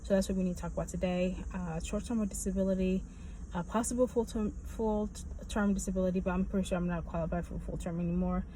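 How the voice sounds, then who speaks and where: A woman with a low-ish, warm voice and fairly even intonation speaks quickly in a personal vlog health update, rambling casually and repeating her phrases. The recording is rough, with faint background noise.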